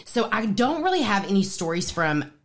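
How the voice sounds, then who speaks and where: A woman on a faith-based radio program, talking casually and excitedly about her ministry with plenty of fillers. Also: mid-range voice, moderate pace. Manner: excited and animated, lots of fillers. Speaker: ministry guest. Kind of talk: casual interview conversation.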